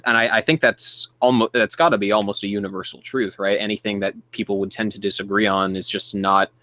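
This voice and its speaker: A man hosting a podcast, chatting casually with formal, big-word diction and halting restarts. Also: lowish voice, fairly even intonation, pushed and bright. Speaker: podcast host.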